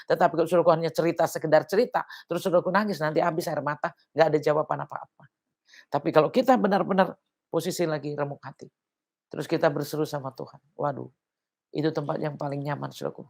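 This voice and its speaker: Woman pastor, Indonesian accent, gravelly lowish voice, earnest sermon delivery. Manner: earnest, repetitive appeals to the congregation.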